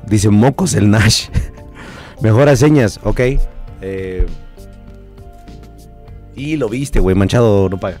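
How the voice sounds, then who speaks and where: A hoarse young man with a Mexican accent, sick with a cold, chatting casually on a live stream, reading out chat and swearing freely. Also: mid-range voice, mellow.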